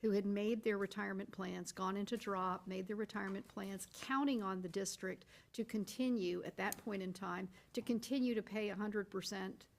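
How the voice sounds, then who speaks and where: A woman's voice: mid-range voice, steady tone, normal speed, vocal fry, hardly any pauses. A woman school board member at a public workshop, laying out her point at length through step-by-step hypothetical examples with frequent restarts. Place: board meeting room.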